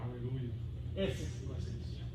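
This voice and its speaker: Passionate preacher guy, goes loud then hushed, far off mic, noisy room. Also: mid-range voice, moderate pace. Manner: impassioned, swings between loud calls and hushed lines. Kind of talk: bilingual sermon. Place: church sanctuary. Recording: roomy hall from a distance with background hum.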